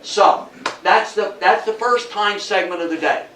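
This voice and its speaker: An older lecturer gives an informal, animated history talk to an audience at a historical society, repeating phrases for punch and checking in with "okay." His voice is high and he keeps a measured pace. The indoor room is echoey, the mic is distant, and there's slight background noise.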